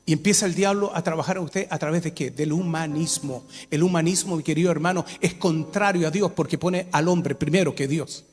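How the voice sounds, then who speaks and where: A man preaching a sermon as pastor, asking the congregation questions and now and then rising to a shout. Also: a little high, brisk, few pauses. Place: church hall. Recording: reverberant church hall with music.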